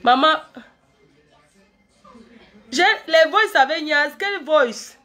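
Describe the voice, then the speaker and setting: A woman's voice: high-pitched, slow pace, faint music behind. A woman, ranting to her viewers in a casual live stream and firing off rhetorical questions. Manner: animated, argumentative, asks rhetorical questions. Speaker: vlogger addressing viewers.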